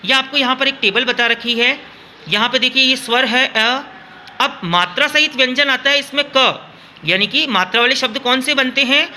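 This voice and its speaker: A man's voice: very high-pitched, normal speed, pushed and bright, a little hiss or hum. A male school teacher giving a classroom grammar lesson, speaking directly to his students, repeating points and drawing out sounds in his demonstrations.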